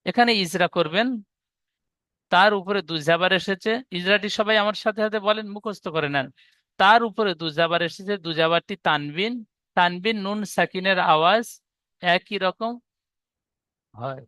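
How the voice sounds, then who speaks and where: High, bright-voiced male teacher. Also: moderate pace, pauses often, clear, resonant tone, no echo. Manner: patient, repetitive step-by-step explaining. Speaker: Quran reading teacher. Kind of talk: online reading lesson.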